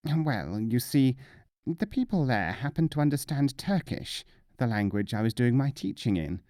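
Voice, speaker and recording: A man's voice: mid-range voice, expressive, normal speed, mellow, no echo, clean studio sound, close to an everyday voice. A man voicing a cheerful, boastful wandering mullah in a storybook, chatty and breezily self-assured. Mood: cheerfully explaining.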